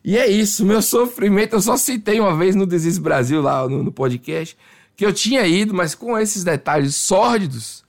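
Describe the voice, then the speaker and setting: A man's voice: high-pitched, expressive, moderate pace, creaky. A man from Salvador, telling a story in casual podcast chat and acting out voices and sound effects. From Salvador, Brazil. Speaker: podcast guest.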